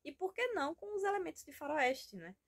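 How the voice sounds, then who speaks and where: A woman's voice: sits high, big pitch swings, a little fast. A Brazilian woman with a Brazilian Portuguese accent, chatting casually and enthusiastically in a homemade reading vlog from home, rambling with frequent tag questions. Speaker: book vlogger.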